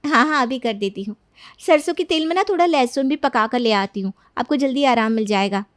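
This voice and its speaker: A woman's voice: high-pitched, expressive, a little fast, no room sound, studio quality. A woman voicing a kind, obliging young woman in a cartoon story, talking sweetly and always ready to help.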